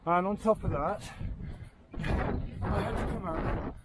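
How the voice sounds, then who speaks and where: Breathless hiker in his fifties, slow and slightly high-voiced, rambling chat to viewers, heavy wind roar. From England. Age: 50s. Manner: chatty, rambling asides to viewers. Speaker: wild camping vlogger. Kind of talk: casual chat to camera while hiking. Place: outdoors on a windy hillside. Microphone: clip-on wireless mic. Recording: loud wind noise outdoors.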